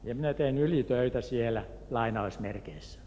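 A man's voice: medium pitch, warm tone, big-room sound, dull audio, a little hiss or hum. An older man from Turku, Finland, telling a personal faith story in an earnest way, with hesitations. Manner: earnest, with hesitations and acted quotes. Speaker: speaker giving a faith testimony.

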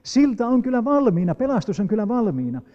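A man preaching a sermon, reading scripture slowly and rising into emphatic, loud appeals. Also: high voice, sing-song. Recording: dull lo-fi recording with long hall reverb.

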